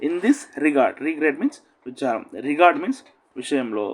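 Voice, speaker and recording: Male teacher voice for slow phrase drills, very unhurried delivery, lively rise and fall, English lifted and stressed, translation dropped low and quick.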